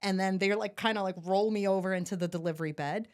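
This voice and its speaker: A young podcast guest who recently became a mother speaks quickly in a smooth, medium-pitched voice. She recounts her story casually and animatedly, swearing freely and acting out what people said.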